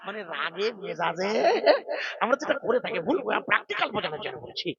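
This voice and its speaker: A male preacher with a West Bengal accent giving an animated sermon full of jokes and acted stories, often pressing the crowd to answer, on a dull lo-fi recording. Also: high-pitched, quick pace.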